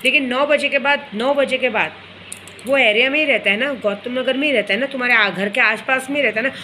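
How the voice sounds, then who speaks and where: A young woman speaks mixed in, airing her grievances to her viewers in a personal vlog. Her voice sits high and sounds bright and sharp. She presses her points hard, repeating the same phrases again and again, while a faint hum of ambience runs behind her. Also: low-quality recording. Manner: aggrieved and insistent, repeating phrases. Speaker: vlogger addressing viewers. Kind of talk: emotional personal vlog rant.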